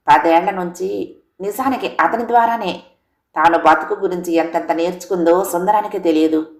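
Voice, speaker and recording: Lady reading a story out, lowish voice, steady and expressive, echoey room. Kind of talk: scripted story narration. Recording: roomy echo.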